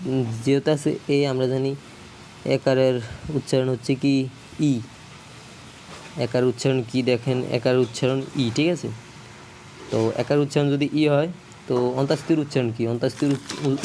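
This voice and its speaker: Man, casual lesson, halting, self-correcting, faint background hiss. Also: mid-range voice, darkish tone. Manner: repeats checks for understanding. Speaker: teacher.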